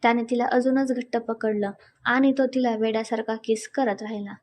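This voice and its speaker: A woman tells a romantic serial story on her own, with a voice pitched a little high. She reads the narration and every character's dialogue herself, giving each part only a light touch of voicing. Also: steady tone, normal speed, a little mellow.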